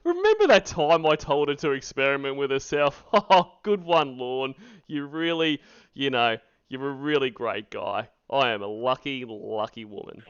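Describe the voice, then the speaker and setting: This livestream host, a man with a medium-pitched, clean and expressive voice, speaks at an ordinary speed while mocking recorded calls with casual, sarcastic profanity. There's no echo, but the stream audio is dull and lo-fi.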